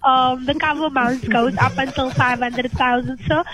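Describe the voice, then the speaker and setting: A woman telemarketer giving rushed, scripted sales patter on a phone call. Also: high-pitched, steady tone, heavy background noise. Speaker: telemarketer selling life cover. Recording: phone call with background chatter.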